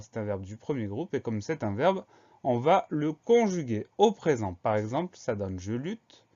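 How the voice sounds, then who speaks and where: A man's voice: medium pitch, mellow. A man teaching a spelling lesson for schoolchildren, patiently spelling each word out letter by letter and repeating it. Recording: dull lo-fi recording.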